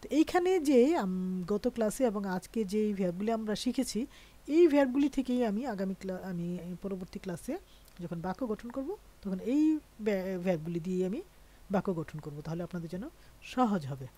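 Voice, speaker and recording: A woman gives a recorded language lesson in a warm, mellow voice. Her pitch sits in a typical middle range for a woman. She works through verb forms one at a time and keeps stopping to make sure her listeners are with her. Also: animated. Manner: patient, checks in with listeners often; reads conjugations slowly one by one. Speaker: French teacher.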